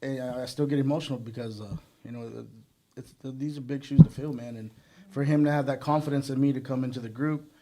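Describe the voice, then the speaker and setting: A man's voice: mid-range voice, steady tone, brisk, warm tone. Casting: male musician guest from Texas, middle register, sincere, informal storyteller. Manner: earnest, peppers speech with "you know". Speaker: band member, interview guest. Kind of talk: casual personal storytelling.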